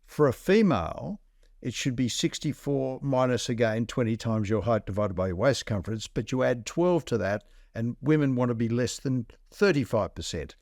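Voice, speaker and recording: On a relaxed health podcast, a male doctor co-host talks frankly and breaks down figures simply. He speaks at a normal speed in a mid-range voice with a darkish tone, and the studio-quality recording has no echo.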